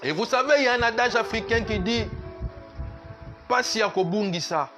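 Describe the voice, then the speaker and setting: A man's voice: high voice, moderate pace, music in the background. A man pastor, preaching a sermon at a church service in an emphatic, repetitive way that slips into sung lines.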